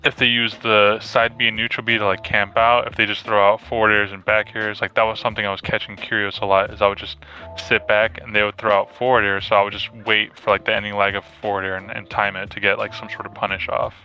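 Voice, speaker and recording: A man's voice: on the low side, level tone, fast, lo-fi sound, faint music behind. A man on a voice chat that briefly cuts out, talking hesitantly with many fillers and restarts as the player being coached. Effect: voice chat audio that briefly cuts out.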